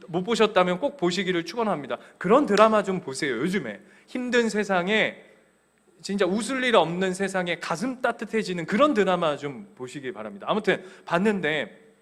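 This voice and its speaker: High-voiced pastor preaching. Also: male voice. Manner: animated, acts out quoted voices, asks the congregation questions. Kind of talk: sermon. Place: church sanctuary.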